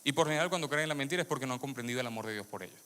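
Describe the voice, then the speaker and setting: A man's voice: mid-range voice, lively intonation, racing, sharp tone, clear, resonant tone. A man born in Venezuela giving a sermon testimony to a congregation, questioning the audience and repeating phrases for emphasis. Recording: long hall reverb.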